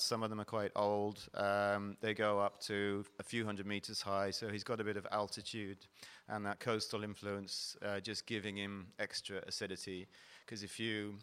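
At normal speed, a middle-aged panel host in an event hall at a wine fair talks through a tasting in a lowish, smooth, resonant voice. His intonation stays steady and even as he patiently explains and describes each wine.

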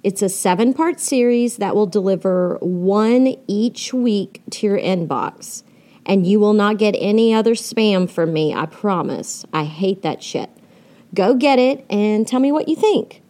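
A woman's voice: mid-range voice, animated, a little slow, dark tone. A woman hosting her podcast in a candid, chatty way, swearing casually and laughing often. She speaks from under a blanket on her bed, so her voice sounds muffled. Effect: muffled, recorded from under a blanket. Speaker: podcast host. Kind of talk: casual solo podcast monologue.

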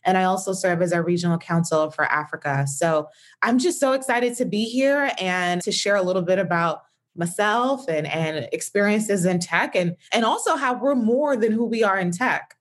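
A woman from Houston, Texas, a guest in a casual podcast chat, upbeat and gracious and quick to laugh. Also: mid-range voice.

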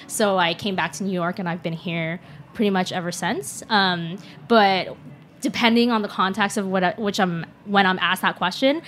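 Interviewed casually as a guest, a young adult chef from the United States who was born in Shanghai talks in a medium-pitched voice. She's earnest and reflective, her speech full of "like" and "um," with slight background noise behind her.

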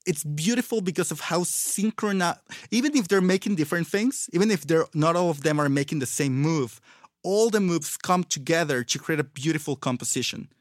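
A man's voice: fairly high pitch, brisk, no echo, studio quality. A man from Mexico, a native Spanish speaker with a Mexican accent and Spanglish-tinged English, explaining things casually with reflective, teasing enthusiasm. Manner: Spanglish, English with Spanish-influenced words and pronunciation.

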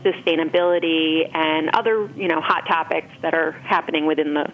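A food writer and entrepreneur talks casually as an interview guest, explaining things and often slipping in "you know" and other filler. Her voice sits low and runs a little fast, and the recording is muffled and band-limited with clear background noise.

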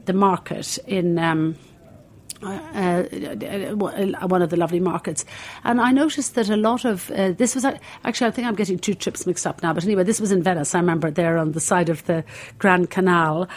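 A woman's voice: lowish voice, a little mellow. An older woman with an Irish accent, a cookery school founder and guest, telling long stories in a rambling way with many fillers. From Ireland. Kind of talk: interview, telling a story.

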